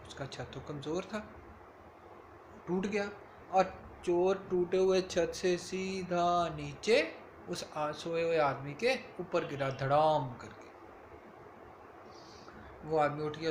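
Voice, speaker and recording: A man's voice: a little high, reverberant, slight background noise. A man telling his young daughter a bedtime story in a casual, explaining way. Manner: casual, explains to the child as he goes.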